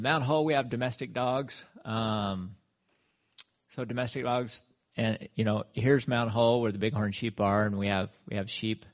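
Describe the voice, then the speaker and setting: A man presenting on his wildlife work to an audience, halting and full of fillers and restarts as he tells stories from the field. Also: lowish voice. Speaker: wildlife manager giving a presentation.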